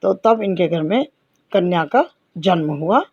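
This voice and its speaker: A woman's voice: fairly low pitch, lively intonation, a little slow, a little mellow, husky, no echo, highs cut off. A middle-aged woman earnestly telling a personal devotional testimony. She speaks straight to her listeners and acts out the conversations in her story. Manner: earnest, addresses listeners as companions, reenacts dialogue.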